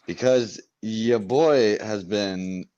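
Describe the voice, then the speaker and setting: A man's voice: fairly low pitch, drawn-out words, darkish tone, smooth, no room sound, dull audio. A man chatting over a voice call while playing a board game, boasting in a playfully grandiose, mock-formal way. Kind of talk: casual voice chat while gaming.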